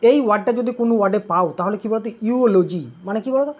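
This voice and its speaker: A tutor runs an exam-prep English lesson, drilling word meanings and spellings. The voice is husky and breathy. The tutor keeps posing questions, answers them, and checks in after every point, all on a muffled, lo-fi recording. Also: mid-range voice, quick pace. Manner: drills terms with constant "okay?" check-ins; asks students questions, then answers them.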